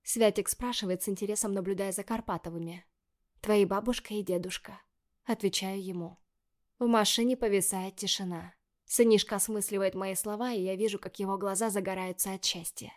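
A woman reading first-person scripted narration in a measured, expressive way. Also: medium pitch. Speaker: audiobook narrator.

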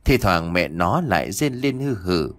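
A man reading a horror story aloud as a steady, dramatic storyteller. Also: sits low, a little slow. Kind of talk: scripted horror story narration.

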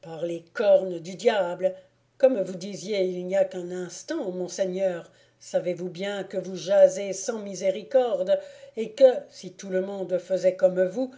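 A woman's voice: fairly low pitch, fairly even intonation, measured pace, mellow, close to an everyday voice. A woman reading a storybook voices a sly clog-maker who speaks in a cocky, mocking tone.

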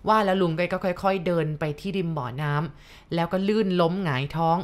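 A woman storyteller narrating a ghost story in a lively way, speaking to her listeners. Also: lowish voice, fairly quick.

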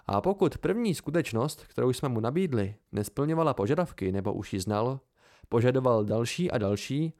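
A man reading an amateur audiobook in a steady, unhurried way. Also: mid-range voice. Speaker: audiobook reader.

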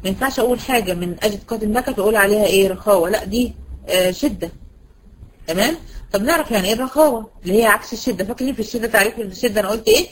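Brisk Egyptian woman teaching tajweed. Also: medium pitch, a little hiss or hum, rough recording. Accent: Egyptian Arabic. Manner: brisk, asks students questions and answers them herself; slows to stretch out example words. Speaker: Quran recitation teacher. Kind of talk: online tajweed lesson to female students.

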